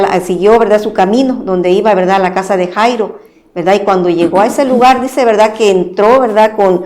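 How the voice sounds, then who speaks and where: A woman's voice: mid-range voice, a little mellow. A woman preaching at a church program, reading a Bible passage aloud and explaining it with many restarts, adding a tag question after nearly every phrase.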